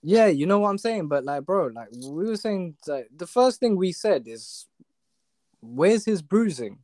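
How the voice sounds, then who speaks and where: A man's voice: high voice, very animated, measured pace, darkish tone, no echo. Young London roadman, dry close sound. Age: young adult. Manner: slangy street talk with frequent tag questions. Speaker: podcast guest. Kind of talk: casual chat, telling personal stories.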